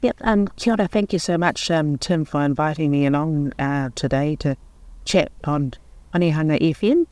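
A woman's voice: deep voice, darkish tone, no room sound. Earnest New woman around sixty. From New Zealand. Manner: earnest, unhurried, pauses to find words. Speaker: local board chair, guest. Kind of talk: radio interview.

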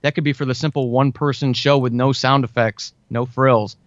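Here a writer and audio drama podcaster guests on a show, walking through advice step by step in an informal, chatty interview. His mid-range voice stays steady and brisk, and the close, dry, lo-fi recording sounds dull with no room sound.

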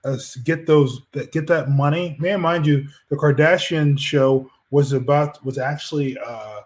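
A man's voice: on the high side, a little slow, a little mellow. A man co-hosting a casual chat, rambling and arguing his point with many restarts. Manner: rambling, argumentative, frequent restarts. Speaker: podcast co-host.

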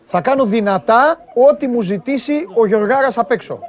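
A man hosting a sports TV show, giving lively, joking commentary on amateur football clips and bantering with his studio crew. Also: very high-pitched, a faint crowd. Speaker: sports TV host.

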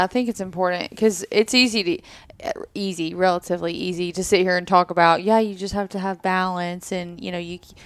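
A woman in her twenties, with a fairly low, clean voice and no echo, speaks candidly on a podcast at a trade expo. She's a co-host married to her fellow co-host, thinking aloud with hedges in casual conversation.

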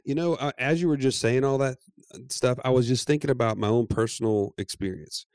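A man co-hosting a podcast, telling stories in a lively, casual way and laughing often. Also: medium pitch, a little fast, smooth, no room sound, clean studio sound. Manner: animated storyteller, laughs often. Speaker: podcast co-host. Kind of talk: casual chat.

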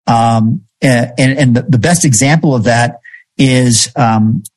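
A man's voice: medium pitch, slow. A man in a podcast interview, telling a story in a reflective way with frequent fillers. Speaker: podcast host and guest. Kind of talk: conversational storytelling.

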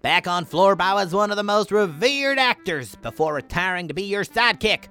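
A woman's voice: mid-range voice, lively intonation, moderate pace, fairly bright tone, smooth, faint music behind, lightly acted. A woman voicing a boastful alien sidekick who fancies himself a great actor, grand and bossy in a children's audio drama. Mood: grandiose.

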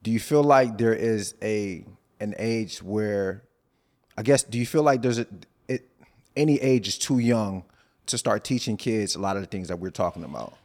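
A man hosting a podcast, asking thoughtful, halting questions. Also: on the low side, a little mellow. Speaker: podcast host.

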